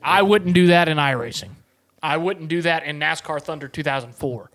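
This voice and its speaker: A man's voice: a little high, normal speed, fairly bright tone, no echo. A man giving a blunt, emphatic, profane sports rant as a podcast host.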